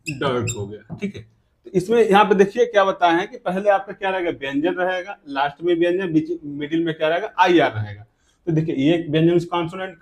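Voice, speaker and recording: A man teaching an English pronunciation lesson who keeps asking rhetorical questions, answers them himself, and repeats example words slowly. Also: a little high. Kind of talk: classroom grammar lesson.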